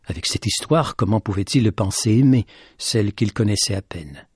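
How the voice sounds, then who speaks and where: A man narrating a storybook aloud in a slow, expressive, soft reading voice. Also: lowish voice, slightly rough, dry recording, clean studio sound.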